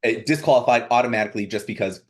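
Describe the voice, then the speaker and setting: A man's voice: mid-range voice, rapid-fire. A man co-hosting a podcast in casual chat, dropping dry joking asides. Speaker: podcast co-host.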